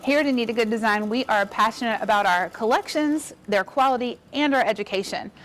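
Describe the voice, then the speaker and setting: A woman's voice: fairly high pitch, brisk, fairly bright tone, a little hiss or hum. Upbeat woman teaching embroidery. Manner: upbeat, chatty, encouraging. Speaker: embroidery instructor. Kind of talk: casual demonstration.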